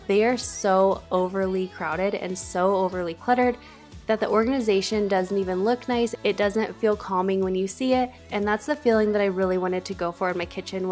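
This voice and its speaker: A young woman narrates her home decluttering vlog in a casual voice-over. She sounds chatty and encouraging, often doubling words for emphasis. Her voice sits at a middle pitch, and soft background music plays underneath. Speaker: home cleaning vlogger.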